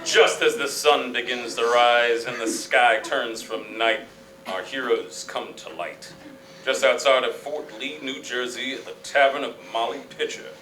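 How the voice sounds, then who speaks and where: A man's voice: medium pitch, fairly even intonation, measured pace, close to an everyday voice. A man playing a dramatic, heroic storyteller, narrating a scripted radio play. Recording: echoey, faint noise.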